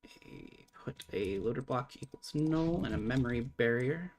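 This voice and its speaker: Guy on a dev stream talking to himself, slow and unhurried, drops the odd swear. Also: medium pitch, expressive, a little mellow. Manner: thinking aloud, muttering, swearing casually. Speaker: streamer coding live. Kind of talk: casual live-stream commentary while programming.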